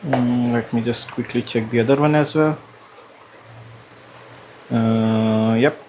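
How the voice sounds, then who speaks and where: Here a man unboxes a product on his vlog, keeping his tone steady, his pitch medium and his pace slow. He comments in a loose, hesitant manner, working through his thoughts aloud, against clear background noise and room ambience.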